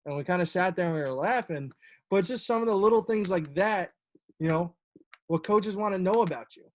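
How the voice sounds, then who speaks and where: A man's voice: high voice, brisk. A young man, a college lacrosse coach talking casually on a video call, rambling with many fillers and restarts.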